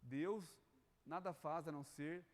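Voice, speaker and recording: Fervent Brazilian preacher in a reverberant hall. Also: male voice, fairly high pitch, a little slow. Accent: Brazilian Portuguese. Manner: fervent, pleading, adds "né?" and "queridos" often. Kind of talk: sermon to church leaders. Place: church hall.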